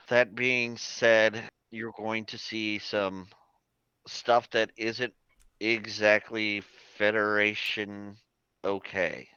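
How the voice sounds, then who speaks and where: Casting: man running a tabletop game, low, forceful voice, dry dull recording. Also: clean tone, no room sound. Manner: rambling, many fillers. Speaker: game master.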